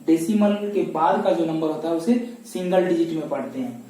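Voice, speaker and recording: The fairly high-pitched, mellow voice belongs to a man explaining math step by step with lively intonation at a moderate pace, posing questions and answering them himself while repeating key steps. The recording, made from a distance in an echoey room, carries a little hiss or hum.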